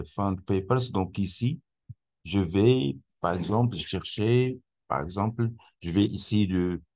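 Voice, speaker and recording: A man presenting a screen-recorded software tutorial, explaining step by step with many hesitations and restarts. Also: sits low. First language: not English; speaks French.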